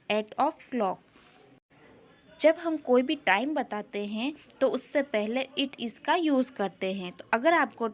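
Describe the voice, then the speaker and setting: A woman teaching English, explaining in Hindi and saying each English phrase slowly and carefully. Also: on the high side. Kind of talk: spoken English lesson in Hindi.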